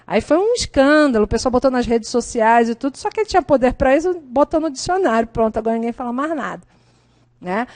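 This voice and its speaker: A middle-aged woman with a Brazilian Portuguese accent teaching an exam-prep writing class, lively and chatty, often checking in with her students. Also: fairly high pitch, quick pace, no room sound.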